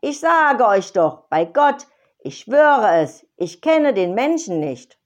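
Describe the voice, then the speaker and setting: A woman voicing a frightened grown man who loudly and pleadingly denies knowing his friend. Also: lowish voice, big pitch swings, takes it slowly, full character voice. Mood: panicked denial. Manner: loud, pleading, breathless denials. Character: frightened adult man, a disciple, denying in panic.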